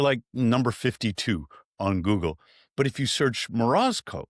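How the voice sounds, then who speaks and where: Man, podcast guest, animated storyteller, lively pitch, acts out quotes, dry close mic. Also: no room sound. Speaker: ice bath company founder and guest. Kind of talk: podcast interview.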